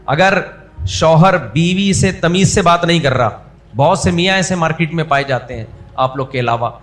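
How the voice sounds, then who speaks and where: Guy giving a chatty funny sermon, kinda high-pitched, does little voices. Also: fairly bright tone. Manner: humorous, mixes in everyday English words; acts out scolding voices to make a point. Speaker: Islamic preacher. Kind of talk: conversational sermon.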